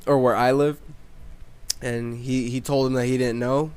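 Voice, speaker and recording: A young man with a smooth, clean-sounding voice tells a story. His delivery is casual and rambling, laced with swearing and constant fillers. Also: medium pitch, flat delivery, normal speed, darkish tone. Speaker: vlogger.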